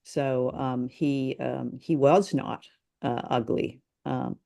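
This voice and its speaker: A woman with a bass voice, steady, slow, creaky and mellow, co-hosts a podcast. She chats casually about old radio drama in a hesitant, appreciative way.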